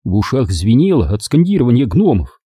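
A man reading a first-person children's story aloud in an animated, expressive way. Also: medium pitch, brisk, breathy edge, no echo, studio quality. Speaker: audiobook reader.

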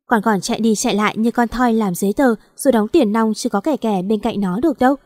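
A woman giving voice to a harsh, impatient older sister who scolds sharply. Her voice sits a bit high, and the recording is close and dry. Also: fast talker, darkish tone, no echo, lightly acted. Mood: scolding.

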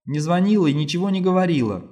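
A man voicing a terrified young woman who hides a dark family secret, frantic and pleading, in an audiobook reading. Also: high voice, expressive, fast, pitched above the performer's own voice.

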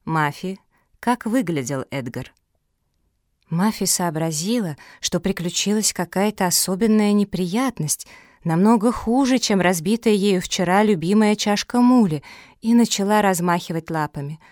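A woman narrating a children's storybook in an even, expressive reading. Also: mid-range voice, normal speed, no echo, clean studio sound. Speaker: audiobook narrator.

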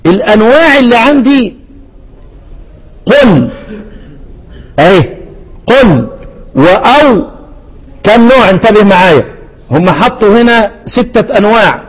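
A man with an Egyptian Arabic accent teaches recitation rules in a high voice. He keeps quizzing his listeners and answering himself, and he lifts his pitch to chant each quoted word. A long reverb trails behind his voice. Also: big pitch swings, a little slow, long pauses. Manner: asks the class questions and answers them himself, with frequent restarts; chants quoted verse words at a raised pitch. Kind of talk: explanatory lesson on recitation rules.

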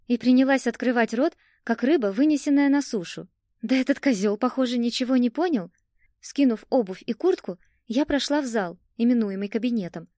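A woman narrating a first-person audiobook in a lively, expressive storytelling manner. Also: fairly high pitch, dry recording, clean studio sound.

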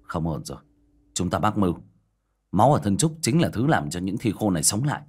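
A man's voice: deep voice, big pitch swings, brisk, darkish tone, husky, full character voice. A man voicing a shrewd, grim young male cultivator who gives short, urgent commands.

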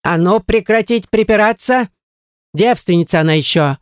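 A woman's voice: mid-range voice, moderate pace, dry recording, clean studio sound, pitched above the performer's own voice, natural voice. A woman reading the lines of a bossy male talking skull who acts as the group's mentor, in a storybook audiobook. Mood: urgent. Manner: gruff commanding outbursts.

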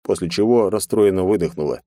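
Deep male narrator reading a fantasy book, dry close sound. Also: fairly quick, no echo. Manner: even, storytelling. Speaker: audiobook narrator. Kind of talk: first-person fantasy narration.

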